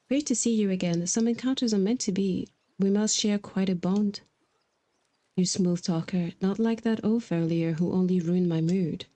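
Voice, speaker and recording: A woman with a warm, mid-range voice livestreams a video game, chatting casually and reading dialogue aloud in a musing, hesitant way. Game music plays behind her.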